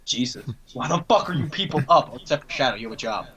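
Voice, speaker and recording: A man's voice: mid-range voice, animated, fast, fairly bright tone. A tired man in casual late-night podcast chat, blunt, teasing and swearing freely. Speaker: podcast co-host.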